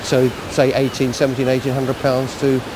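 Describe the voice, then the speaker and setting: A man who organises a charity event, explaining it informally and in a measured way in an outdoor interview. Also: medium pitch, monotone. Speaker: Lions club event organiser. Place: outdoors at a seafront. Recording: outdoor street and traffic noise.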